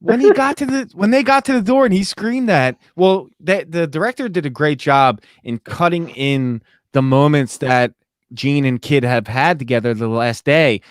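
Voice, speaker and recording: A man's voice: on the high side, normal speed, no echo, clean studio sound. A young man hosting a podcast, casually and animatedly recapping a TV episode and acting out lines. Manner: animated, recaps plot with quoted voices. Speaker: podcast host. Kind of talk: casual podcast review chat.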